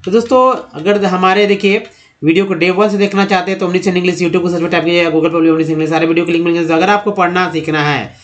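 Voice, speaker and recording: A young man teaching English pronunciation in Hindi, breaking each word into syllables and repeating it slowly. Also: sits high, fairly even intonation. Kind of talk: slow word-by-word pronunciation lesson.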